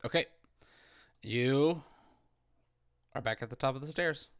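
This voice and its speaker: A man narrating as dungeon master of a tabletop game over voice chat, reading descriptions slowly with some stumbles. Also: mid-range voice, smooth.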